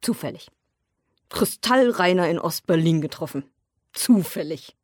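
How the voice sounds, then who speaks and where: A woman's voice: fairly low pitch, animated, a little slow, no room sound, clean studio sound. A woman voicing an irritable, jealous young man who talks sarcastically and flares into rants. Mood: sarcastic, suspicious. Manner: sarcastic, escalating into shouting rants.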